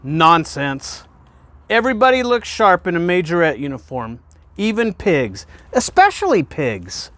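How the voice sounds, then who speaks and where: A fire department deputy chief, appearing as a guest reader, reads a picture book aloud to children in a fairly high voice. His delivery is highly animated with wide rises and falls, and he asks the young listeners questions and uses emphatic pauses around key phrases. There is no room sound.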